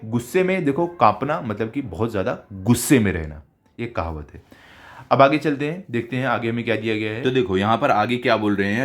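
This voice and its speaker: A man teaching a school Hindi lesson, reading story lines slowly and then explaining them in simple words. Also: mid-range voice.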